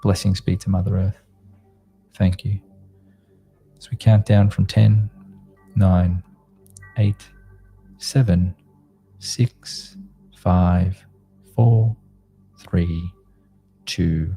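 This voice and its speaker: A man with a very dark, relaxed voice and a creaky edge leads a guided meditation over music. He speaks like a sleep story narrator, gently and soothingly, leaving space between short phrases. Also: deep voice, slow pace, pauses often, rough recording. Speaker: meditation guide, host of a live group session.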